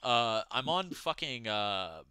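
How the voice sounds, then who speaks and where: A man livestreams in a casual, laid-back style, rambling through slangy, profane chat and responding to donation messages. His mid-range voice is sing-song and slow, with crowd noise in the background.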